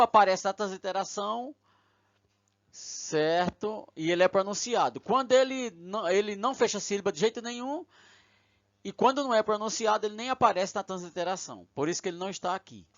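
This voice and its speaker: A man's voice: sits high, a bit bright, no echo. A man, lecturing patiently step by step and often checking in with his listeners. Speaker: teacher. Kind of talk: recorded lecture. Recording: dull lo-fi recording.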